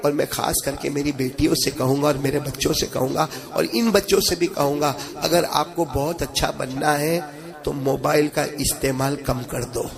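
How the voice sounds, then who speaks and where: A man's voice: on the high side, fairly even intonation, gravelly, a crowd in the background. A man preaching an emotional religious sermon, rising into chanted passages and putting questions to the audience. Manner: addresses the audience directly with questions.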